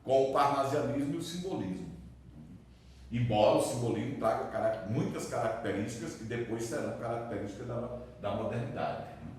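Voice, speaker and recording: A man's voice: medium pitch, a little fast, darkish tone, a little hiss or hum. A man teaching a literature lesson, explaining step by step and checking in often with tag questions. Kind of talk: distance-learning lecture. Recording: very echoey room, mic far off.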